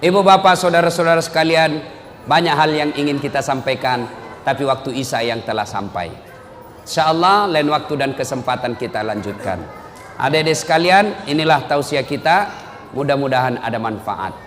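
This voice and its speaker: A male preacher giving a lively, joking sermon and calling out to his audience. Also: a little high, moderate pace, big-room sound, slight background noise. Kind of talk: humorous sermon. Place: gathering at an Islamic boarding school.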